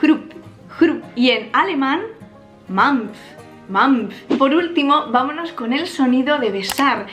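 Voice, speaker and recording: Woman, Spain Spanish accent, high voice, playful sound imitations, educational vlog, close camera mic. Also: fairly bright tone. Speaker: language YouTuber. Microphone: camera mic, filmed at close range.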